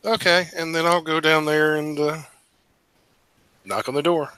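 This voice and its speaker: A man at a tabletop game with a bright, forward tone, asking question after question to pin down the details. The sound is dry and close to the mic. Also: a little high, little pitch movement, a little slow, clear, resonant tone, dry recording. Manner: inquisitive, pressing for detail. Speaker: player. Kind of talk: casual tabletop play.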